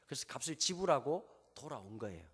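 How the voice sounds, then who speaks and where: A man's voice: medium pitch, very animated, slightly rough. A man with a Gyeongsang Korean accent preaching a sermon to a congregation, telling stories and asking them rhetorical questions. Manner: normally talks very fast, slowing down on purpose. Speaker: pastor. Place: church sanctuary before a congregation. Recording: long church hall reverb.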